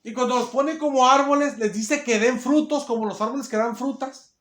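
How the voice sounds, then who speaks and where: In a church hall full of roomy echo, a man delivers a Bible-teaching sermon. His very high-pitched, fairly bright voice keeps a normal pace, and his delivery is emphatic, with acted-out quotes and many restarts.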